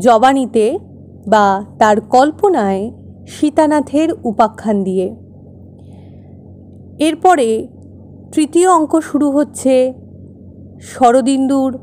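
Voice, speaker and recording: A woman with a high voice introducing a Bengali play reading. She sets out the scene in a steady, measured way. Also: slight background noise. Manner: measured, announcing. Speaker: reader.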